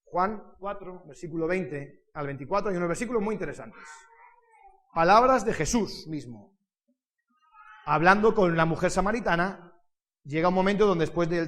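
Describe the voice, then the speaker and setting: A man's voice: a little high, long reverb tail. A man from Spain preaching a sermon in church, telling stories animatedly and checking whether the congregation follows. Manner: animated storytelling with quick asides and laughter; asks the congregation if they follow. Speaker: pastor. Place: church hall.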